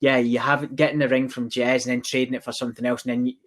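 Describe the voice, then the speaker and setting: A man's voice: mid-range voice, little pitch movement, rapid-fire, a bit bright. A man with a Scottish accent from the Glasgow area, chatting casually and reminiscing in informal, sweary language. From Scotland.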